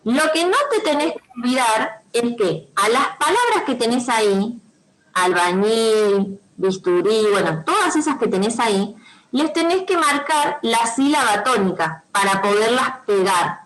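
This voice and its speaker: A woman with a Rioplatense Spanish accent teaches a class over a video call, her voice sitting fairly high. She explains each step patiently and repeats herself, checking again and again that the children are following. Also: animated, a little slow, fairly bright tone, poor audio. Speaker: primary school teacher. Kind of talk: online class instruction.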